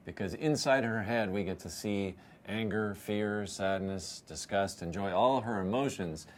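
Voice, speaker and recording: A film producer answering interview questions in a relaxed, thoughtful, explanatory way. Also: male voice, lowish voice, a little slow.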